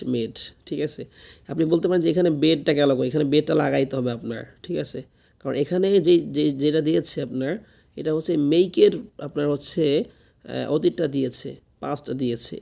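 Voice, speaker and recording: A man leads a spoken English lesson with a gravelly, somewhat high voice. He drills each word again and again and often stops to check that his students are following. His tone stays dark and mellow. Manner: repeats each word several times, asks "ঠিক আছে?" to check understanding. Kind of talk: classroom lesson with drilled repetition.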